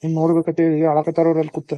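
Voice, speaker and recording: Cartoon older brother, kind and protective, North Karnataka accent, monotone, dry sound; male actor. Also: on the high side, racing, no room sound, lo-fi sound, lightly acted. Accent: North Karnataka Kannada. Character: young man, caring older brother. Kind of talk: cartoon voice acting.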